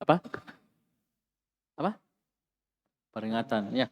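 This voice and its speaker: A man's voice: mid-range voice, animated, slow pace, long reverb tail. A man teaching an Arabic class, who asks the students questions and repeats key words with rising emphasis.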